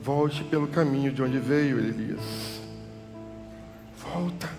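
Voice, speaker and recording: A male pastor with a Brazilian Portuguese accent preaching a sermon, swinging from loud cries to soft, hushed tones. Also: mid-range voice, slow pace, creaky. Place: church hall. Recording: church hall reverb with music behind.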